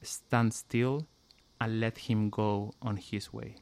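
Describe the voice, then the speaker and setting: This man's voice is lowish, slow and creaky, with a flat delivery and a darkish tone. He is a musician from Chile being interviewed in English with a Chilean Spanish accent, giving casual answers and reading a passage. Hesitant and full of "like" fillers, he enunciates every sound with care.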